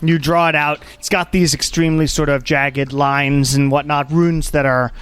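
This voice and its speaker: Halting man narrating as game master. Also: on the high side, steady tone, fairly bright tone. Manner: halting, searching for words as he describes scenes. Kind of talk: improvised tabletop game narration and casual chat.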